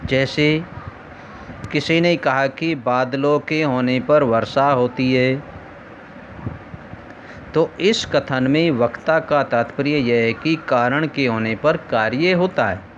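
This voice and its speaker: A man's voice: medium pitch, slow pace, slight background noise. A man teaching a lesson, explaining things step by step and asking rhetorical questions along the way. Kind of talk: recorded lesson. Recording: dull lo-fi recording.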